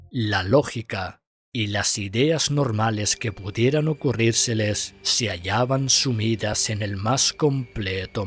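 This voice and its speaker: A man reading a horror story aloud in a grave, measured storytelling manner. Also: fairly low pitch. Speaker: narrator. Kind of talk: scripted horror story narration.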